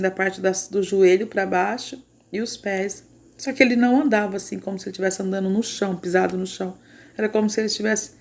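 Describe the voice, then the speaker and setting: A woman's voice: medium pitch, darkish tone. A woman with a Brazilian Portuguese accent gives a fervent religious testimony of a prophetic vision and reads scripture aloud. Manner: fervent, repeats "igreja" and "louvado seja Deus". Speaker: church sister sharing a prophetic vision.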